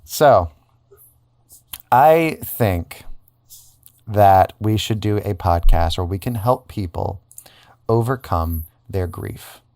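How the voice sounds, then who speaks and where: A man's voice: lowish voice, animated, slow pace, pauses often, a little mellow. A man hosting a comedy podcast, improvising chat and mock interviews with a mock-sincere, hesitant delivery.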